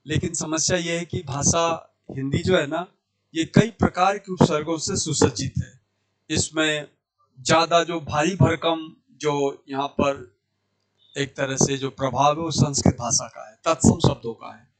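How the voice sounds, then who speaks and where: A man with a Rajasthani Hindi accent teaching an online Hindi lesson, drilling syllables slowly and with emphasis. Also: fairly high pitch, steady tone.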